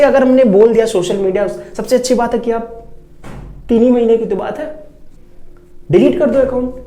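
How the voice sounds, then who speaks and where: A teacher giving students exam preparation advice in a casual classroom style, direct and advising, checking in often with a quick "okay". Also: mid-range voice, warm tone. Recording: echoey room.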